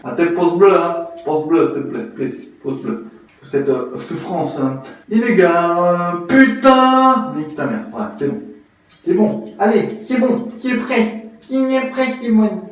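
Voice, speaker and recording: A man joking and swearing loudly as he struggles through a chaotic do-it-yourself repair video, muttering one moment and yelling the next. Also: high-pitched, very animated, measured pace, far from the mic. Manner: swearing, frustrated, joking, swinging between mutters and yells. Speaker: YouTuber. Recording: very echoey room, faint noise.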